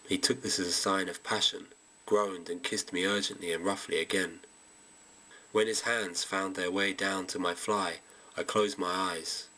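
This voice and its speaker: A man reading a first-person story aloud in a steady storytelling manner. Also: low-pitched, poor audio. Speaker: reader. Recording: amateur home reading.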